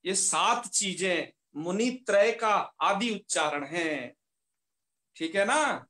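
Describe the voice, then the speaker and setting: Bright high-voiced male grammar teacher. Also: expressive, takes it slowly, echoey room. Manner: patient, repeats key terms and asks rhetorical questions. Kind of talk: online class lecture.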